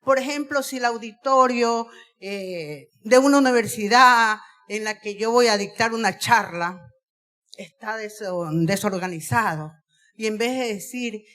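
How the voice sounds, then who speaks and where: A woman's voice: mid-range voice, a bit bright. A woman giving a talk on usage to students in a school auditorium, drawing out key words and putting questions to the audience. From Ecuador. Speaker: guest speaker on Spanish usage.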